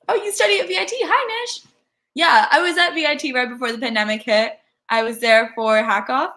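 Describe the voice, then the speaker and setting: A woman's voice: sits high, brisk, sharp tone. A young woman from India whose first language is Telugu, hosting a livestream workshop in a chatty, upbeat way and reading the chat aloud.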